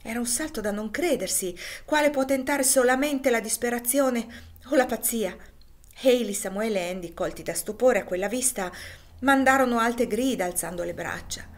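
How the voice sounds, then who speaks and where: A woman's voice: on the high side, moderate pace. Woman reading a classic novel aloud. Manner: expressive, dramatic narration. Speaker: reader.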